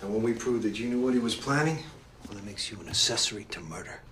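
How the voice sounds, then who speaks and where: Male interrogator: sardonic, pressing, animated film delivery, roomy echo. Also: fairly low pitch, fast, a little hiss or hum. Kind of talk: film dialogue. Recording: echoey room, faint music.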